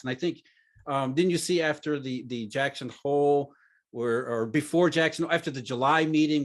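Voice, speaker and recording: A man hosting a casual financial podcast, making dry, sarcastic jokes and asides. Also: fairly high pitch. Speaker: podcast host.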